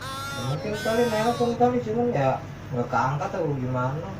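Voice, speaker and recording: A man's voice: high voice, very animated, normal speed, background noise. Matter-of-fact man in an echoey room. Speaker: father in a family prank. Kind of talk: casual family chat. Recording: echoey room, distant mic.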